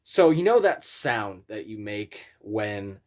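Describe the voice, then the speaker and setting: A man teaching screaming technique in a casual tutorial, explaining things in an informal, halting, rambling way. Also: fairly low pitch, sing-song. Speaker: scream vocal instructor. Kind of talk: casual spoken tutorial with vocal demonstrations.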